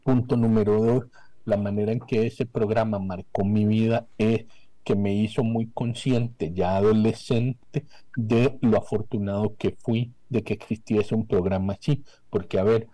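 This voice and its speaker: A young Costa Rican man joins a radio interview over a remote connection, his voice low and darkly mellow. He speaks articulately with soft, dropped s sounds. The sound is dry and close. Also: steady tone, measured pace, no room sound, rough recording. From Costa Rica. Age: young adult. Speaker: economist guest. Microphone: remote video call.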